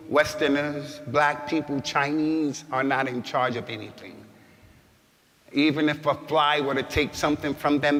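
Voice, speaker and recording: An American man giving a Friday sermon as imam, emphatic, repeating words and rising to shouts. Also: mid-range voice. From United States. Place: mosque hall. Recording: long hall reverb.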